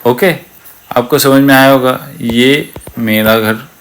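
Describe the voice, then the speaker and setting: A man's voice: medium pitch, steady tone, slow pace, fairly bright tone, a little hiss or hum. A man teaching Arabic words in an explanatory online lesson, patiently repeating each word and asking the listener to say it back.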